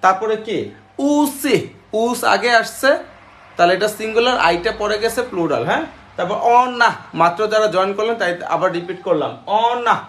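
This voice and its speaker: A man teaching an online English grammar class, spelling words out slowly and checking with the class after each step. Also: high-pitched, fairly bright tone. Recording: roomy echo.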